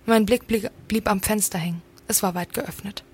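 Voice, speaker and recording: A woman reading a first-person story aloud in a calm, measured way. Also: medium pitch, husky. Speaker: story reader. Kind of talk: scripted story narration.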